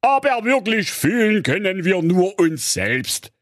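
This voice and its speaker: A man's voice: high voice, sing-song, a little slow, fairly bright tone, no room sound, clean studio sound, voice pushed up, exaggerated voice. A man voicing a male donkey who turns out to be a zebra, bossy and then earnestly preachy.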